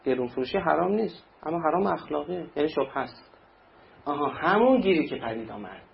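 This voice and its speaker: A man's voice: fairly high pitch, lively intonation, gravelly, slight background noise. A man preaching a sermon in a conversational way, acting out little anecdotes. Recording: dull lo-fi recording with faint ambience.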